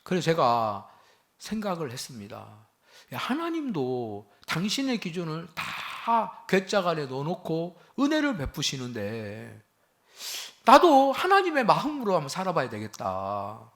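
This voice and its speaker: Lively-pitched male preacher. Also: measured pace. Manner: animated preaching with rhetorical questions to the congregation; acts out quoted speech in a raised voice. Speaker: pastor. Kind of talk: sermon. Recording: church hall with a microphone.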